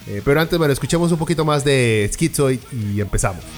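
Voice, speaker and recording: A Peruvian podcast host offers blunt, sarcastic, opinionated political commentary full of fillers. His medium-pitched voice is lively in intonation and a little fast, heard over loud music.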